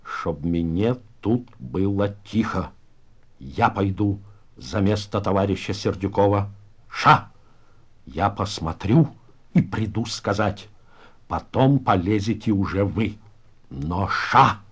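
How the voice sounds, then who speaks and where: Man voicing a fierce, shrill prison elder. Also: animated, slow, breathy edge, exaggerated voice. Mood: hushed urgent. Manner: hushed and urgent, then shrill commanding shouts.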